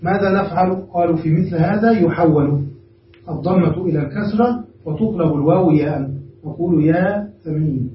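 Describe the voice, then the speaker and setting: A man's voice: fairly high pitch, fairly quick. A man giving a classroom grammar lesson, explaining step by step and often checking whether the class understood. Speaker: grammar teacher. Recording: roomy, distant, dull lo-fi room recording with faint noise.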